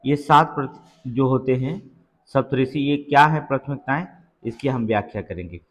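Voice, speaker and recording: In an exam-prep lesson, a man with a medium-pitched voice speaks at a moderate pace. He reads quiz questions aloud, repeats each answer, and checks in often with "theek hai."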